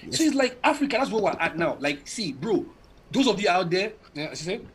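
A man's voice: high-pitched, very animated, a little fast, slightly rough. A young man from Nigeria, talking emphatically in a casual podcast conversation and often checking that he is understood. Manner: emphatic, rhetorical, keeps checking in.

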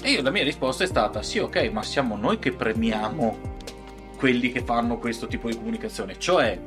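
A man's voice: mid-range voice, lively intonation, normal speed, music in the background. A man co-hosting a casual podcast, arguing with everyday examples and mock quotes. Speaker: podcast co-host.

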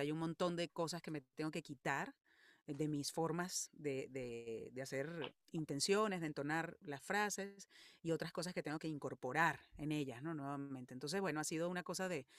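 A Venezuelan woman who works as a voice actor, chatting in an interview with a Venezuelan Spanish accent. Her speech is lively and she laughs easily. The sound is dry and close, with little room around it. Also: low-pitched, no echo. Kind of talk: conversational interview.

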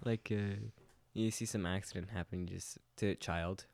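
A young man telling rambling stories in loose, profane casual chat, often laughing mid-sentence. His voice sits a little low, and it sounds close and dry with no room around it. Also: steady tone, moderate pace, gravelly, darkish tone, no echo. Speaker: podcast co-host.

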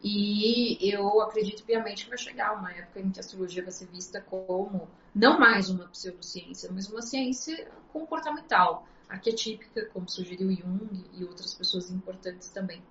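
A woman's voice: medium pitch, normal speed, hardly any pauses, a bit bright, a little hiss or hum. Earnest woman explaining, echoey and dull. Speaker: astrologer guest. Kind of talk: casual interview chat.

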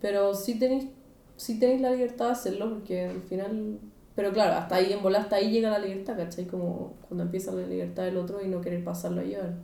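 Chilean woman, podcast guest, mellow and hedging, off-mic in a roomy space. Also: medium pitch, fairly even intonation, fast talker, gravelly, distant mic. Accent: Chilean Spanish. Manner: thoughtful, slangy, hedging. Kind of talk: casual chat.

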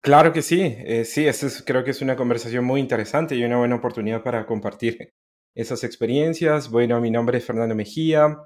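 This American man from Central America is a guest on a podcast, chatting in a friendly, talkative way and laughing easily during a casual interview. His voice sits at medium pitch and moves briskly.

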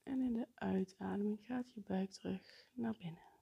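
A woman guiding a breathing meditation in a soft, partly whispered, unhurried way. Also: medium pitch, steady tone, vocal fry, slightly rough, dull audio. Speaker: meditation guide.

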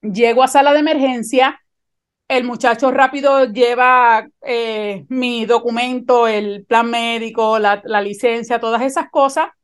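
A woman, telling a personal story in animated conversation and often checking that her listener follows. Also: a little high, measured pace, clean tone.

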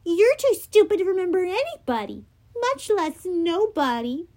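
A woman voicing a clever teenage girl who talks briskly and slyly. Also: very high voice, big pitch swings, dark tone, voice pushed up. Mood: brisk scheming.

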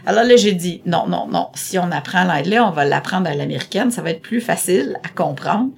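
Middle-aged woman, Québécois French accent, deep voice, slightly hoarse, rambling casual interview talk, lots of filler hesitations. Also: animated, fairly quick. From Quebec. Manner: chatty, rambling, many hesitations and repeated words.

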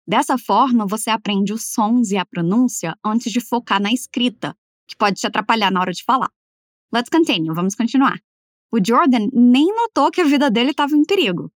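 Uma mulher dando aula de inglês em português, falando devagar e articulando as frases com cuidado para o aluno repetir. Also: female voice, on the high side, animated, no echo, clean studio sound. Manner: slow, careful over-articulated model phrases. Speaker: English teacher. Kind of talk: language lesson, repeat-after-me drills.

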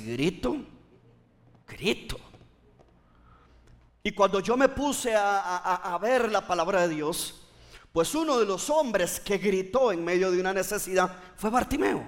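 A man's voice: high-pitched, animated, moderate pace, long reverb tail. A male pastor preaching a fervent sermon, repeating phrases and urging the congregation to respond. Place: church.

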